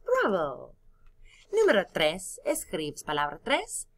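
A woman's voice: on the low side, wildly swooping pitch, slow. A woman teaching a recorded lesson, spelling words out letter by letter, stretching syllables and praising her students between prompts.

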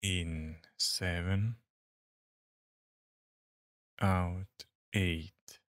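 A man guiding a Zen meditation with slow breath counting, as a meditation guide. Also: deep voice, steady tone, fairly bright tone, dry recording, clean studio sound.

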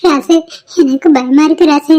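A woman's voice: high voice, fairly even intonation, normal speed, mellow, dry recording, close to an everyday voice. A woman voicing a timid young bride in a cartoon, pleading and fearful. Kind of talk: cartoon voice acting.

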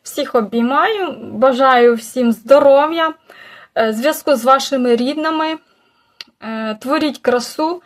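A woman's voice: high voice, a little slow. A woman chatting casually as a cross-stitch vlogger, hesitant, with many fillers and restarts. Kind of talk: casual chat.

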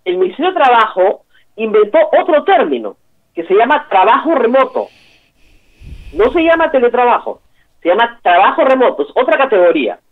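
A woman from Peru hosting a political talk show, giving emphatic, opinionated commentary and repeating key words for stress. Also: on the high side. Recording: tinny phone line.

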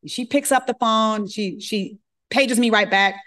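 A middle-aged woman physician giving a lecture as a lively, colloquial personal story, acting out the voices she quotes. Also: a little high, measured pace.

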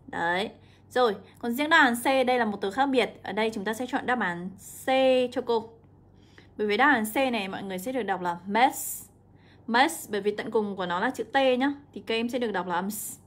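A young woman, an English teacher walking students through an exam, drawing out example words slowly. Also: mid-range voice, a bit bright. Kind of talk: exam walkthrough lesson.

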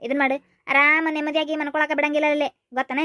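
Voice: sits high, little pitch movement, quick pace, pushed and bright, no echo, clean studio sound. A voice actor putting on a nagging village mother who scolds her lazy son, with a North Karnataka Kannada accent. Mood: scolding.

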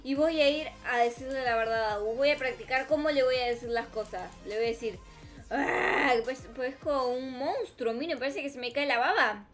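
A woman's voice: high-pitched, fairly quick. A woman with an Argentine accent improvising theatrical role-play commentary over gameplay, talking to viewers and herself. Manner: theatrical, melodramatic, talks to viewers and self. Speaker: gaming video host. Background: music.

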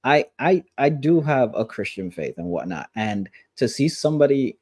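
A man co-hosting a casual anime review chat from home, talking passionately with halting starts and quick bursts. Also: medium pitch, big pitch swings, a little mellow, no room sound, clean studio sound. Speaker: co-host.

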